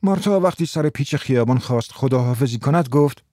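A man reads an audiobook in a calm, steady storytelling style, sitting close to the mic. His voice is medium-pitched and the recording is dry.

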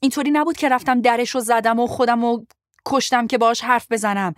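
A woman's voice: fairly high pitch, fairly even intonation, no echo, voice pushed up, lightly acted. A woman reads the part of a young male journalist, flustered and on the back foot. He stammers his denials and apologies in a plain, dry audiobook voice. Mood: apologetic. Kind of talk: audiobook dialogue reading.

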